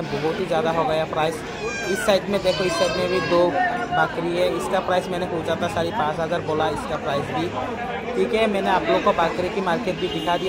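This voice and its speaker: A young man chatting to his viewers while vlogging through an outdoor market, talking into a phone held at arm's length. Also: fairly high pitch. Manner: chatty, addresses viewers as guys, asks prices. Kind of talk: casual market vlog narration.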